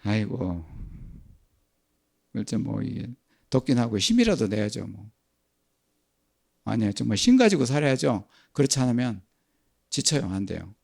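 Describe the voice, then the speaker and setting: Gravelly older man preaching animatedly. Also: mid-range voice, moderate pace, long pauses. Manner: animated preaching, asks and answers his own questions. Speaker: pastor. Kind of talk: sermon.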